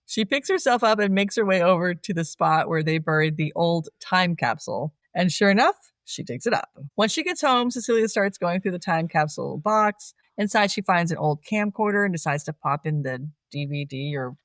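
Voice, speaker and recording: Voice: medium pitch, normal speed, few pauses, no echo. Chatty film-recap co-host, mid-range voice, dry close mic, laughs a lot. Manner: chatty, laughs often, animated asides. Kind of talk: casual film recap chat.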